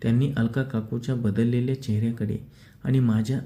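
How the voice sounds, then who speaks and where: Very dark-voiced male storyteller. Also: mid-range voice, flat delivery, a little fast. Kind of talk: first-person story narration.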